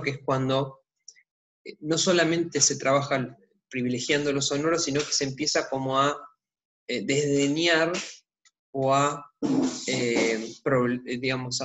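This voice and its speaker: A man gives a literature lesson in a calm, explanatory way. His voice sits at an ordinary middle pitch. He pauses to think aloud before moving to the next point. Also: a little hiss or hum. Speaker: literature teacher. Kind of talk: explanatory online lecture.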